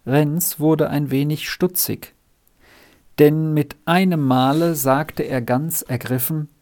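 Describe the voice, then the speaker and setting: A man reading a children's storybook aloud in a calm, measured way. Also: on the high side.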